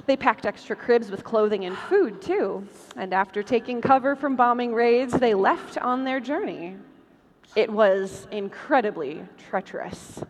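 A woman host with a fairly high, unhurried voice reads scripted narration during a live comedic stage show. It takes place on a live stage in a large convention hall, and the noisy hall carries long reverb.

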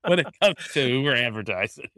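A pastor co-hosts a casual faith podcast, talking in an easygoing manner and laughing often. His medium-pitched voice is animated, bright and forceful, and he talks fast. The studio sound is clean, with no echo.

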